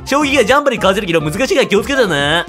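A cheerful young male dinosaur racer from a video game, as a man reads him. He sounds boastful and childlike, with a high and lively voice. Game music plays underneath. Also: racing.

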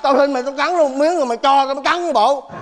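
A man playing a teasing boy who pretends to be a husband, excited and laughing. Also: very high-pitched, quick pace, over music. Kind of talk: comedy sketch acting.

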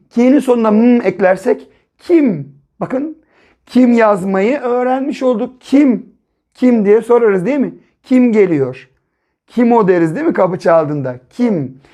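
A male primary school teacher speaks to young children in a slow, patient voice. He sounds out syllables one at a time and repeats each one. He keeps checking that the children are following along. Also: very high-pitched, warm tone. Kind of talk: early reading and writing lesson for children.

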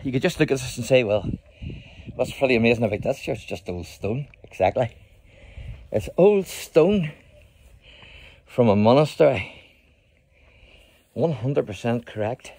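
Man, middle-aged, enthusiastic tour guide, raspy, outdoors on a phone. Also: medium pitch, expressive, measured pace, long pauses, a little mellow. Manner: chatty, enthusiastic, addresses viewers as folks. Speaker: history trail guide. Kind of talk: casual walking tour vlog. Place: outdoors in a rural graveyard.

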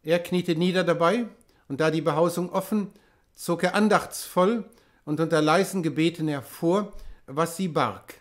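Measured male audiobook narrator. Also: a little high. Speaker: audiobook reader.

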